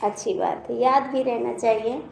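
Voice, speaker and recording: Hosting a relaxed live stream, a woman with an Awadhi accent, who is also a folk singer, reads viewers' comments aloud, chats and teases them. She speaks at normal speed in a fairly high, creaky voice with a darkish tone, in an echoey room with faint noise behind her.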